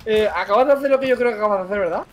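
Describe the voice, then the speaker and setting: Quick, joking man, high voice, slight background hiss. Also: low-quality recording. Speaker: co-player. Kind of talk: casual game chat.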